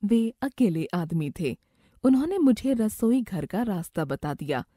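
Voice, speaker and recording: A woman narrates a moral story at an unhurried reading pace. Her voice sits a little low and sounds mellow and soft. The recording is dry and close, with no room sound. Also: sing-song, no echo. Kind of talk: scripted first-person story narration.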